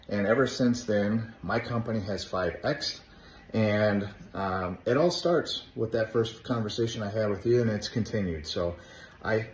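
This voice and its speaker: A man who owns a painting business giving a casual, friendly thank-you on video, with some fillers. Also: on the low side. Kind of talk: recorded video testimonial. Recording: echoey room with faint noise.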